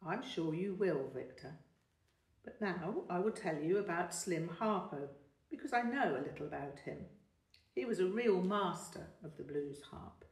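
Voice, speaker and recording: A woman's voice: fairly low pitch, lively intonation. A woman reading the part of a patient older man who teaches music, explaining carefully and encouraging his young pupil. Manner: measured, explanatory, gently encouraging. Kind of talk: audiobook character voice. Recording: roomy, distant mic.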